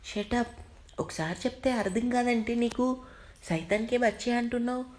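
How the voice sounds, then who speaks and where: A woman's voice: on the high side, moderate pace, a little mellow, lightly acted. A woman voicing a short-tempered young male boss who scolds curtly. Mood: irritated.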